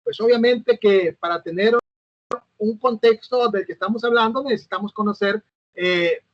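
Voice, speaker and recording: A man with a high voice talks through a lesson he is recording alone. He hesitates, fills gaps and corrects himself, checking in with "¿no?". The sound is dull and lo-fi, in a dry, close space. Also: normal speed, no room sound. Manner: hesitant, fillers and self-corrections, asks "¿no?". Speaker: teacher. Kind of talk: recorded online lecture.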